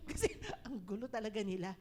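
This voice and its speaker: A woman pastor with a Filipino accent, preaching an animated, laughing sermon that mixes English into her talk. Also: medium pitch, brisk, slight background noise.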